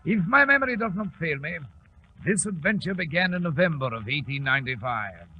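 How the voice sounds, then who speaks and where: An actor playing a genial older British doctor who recounts adventures in a measured, theatrical, avuncular way for 1940s radio. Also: male voice, on the high side, expressive, natural voice. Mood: relishing, atmospheric. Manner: measured, relishing, theatrical storytelling. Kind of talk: 1940s radio drama narration. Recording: muffled, noisy 1940s radio recording.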